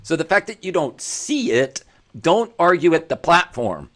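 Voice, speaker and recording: A man hosting a commentary show, with a voice pitched a little high for a man. He talks in an emphatic, preachy way and hammers each point home by repeating it. He is blunt, and he is just as blunt about himself. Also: sing-song, unhurried, a bit bright. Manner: blunt and self-deprecating. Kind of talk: opinionated commentary monologue.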